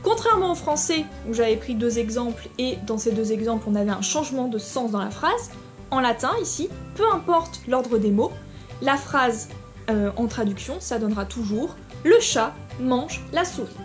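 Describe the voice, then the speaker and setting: Woman teacher, fairly high voice, informal explanatory lesson, hesitant fillers, faint music underneath. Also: lively intonation, moderate pace. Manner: informal, addresses viewer directly, many fillers. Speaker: Latin teacher.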